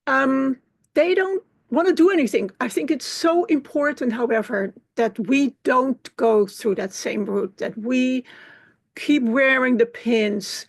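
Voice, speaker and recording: A woman from the Netherlands speaking earnestly in an online group discussion. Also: sits high. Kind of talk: casual chat. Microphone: video call.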